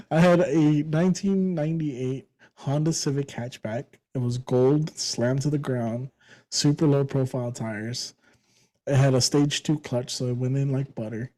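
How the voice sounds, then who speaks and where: A man's voice: mid-range voice, measured pace, low-quality recording. Laughing young man telling stories. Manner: laughs often while telling stories, animated. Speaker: podcast co-host. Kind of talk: casual podcast chat and storytelling.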